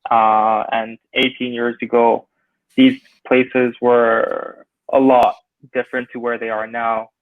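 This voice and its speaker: A young man from Hong Kong speaks as a startup founder on a panel, thinking aloud with many fillers and restarts. His delivery stays flat and even. The sound is dry and thin, like a phone line. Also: mid-range voice, takes it slowly, no room sound. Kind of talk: conversational panel answer.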